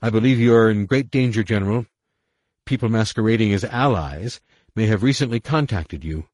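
A man's voice: low voice, animated, darkish tone, husky, dry recording, studio quality. A man voicing a composed woman diplomat, a princess who speaks firmly and carefully. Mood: resolute. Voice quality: measured, firm.

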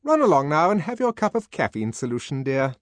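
A man voicing a stern, truculent woman head nurse who scolds in a shrill voice. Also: sing-song, brisk, dry recording. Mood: bossy.

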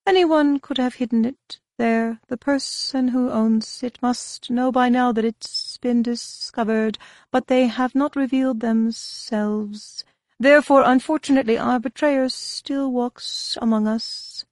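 Woman doing a hissing reptilian male security chief: raised pitch, slow, grave, storybook reading. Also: fairly even intonation, darkish tone, dry recording. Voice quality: sibilant.

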